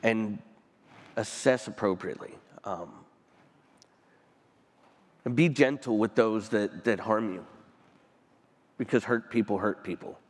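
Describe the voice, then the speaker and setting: A man's voice: lowish voice, big-room sound. Earnest man speaking onstage, emotional. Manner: earnest, emotional, pausing often. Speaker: panel guest. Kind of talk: onstage conversation. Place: conference stage.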